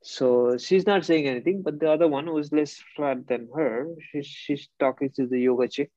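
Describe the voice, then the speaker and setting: A man's voice: on the high side, moderate pace, mellow, no room sound. Blunt man telling a story, laughing. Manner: blunt, laughing, acts out both sides of an argument. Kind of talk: casual storytelling. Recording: dull lo-fi close recording.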